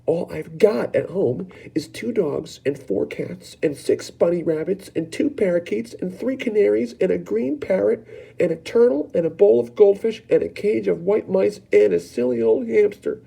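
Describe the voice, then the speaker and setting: A man voicing a spoiled, demanding little rich girl who whines and shouts her demands. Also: lively intonation, normal speed, gravelly, slightly rough, exaggerated voice, rough recording. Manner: shrill, whining, shouting demands.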